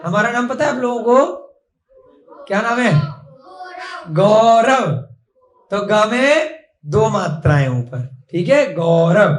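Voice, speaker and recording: Young guy teaching a class, high voice, slow and patient, echoey room. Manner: patient, asks the class many questions. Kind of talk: classroom lesson.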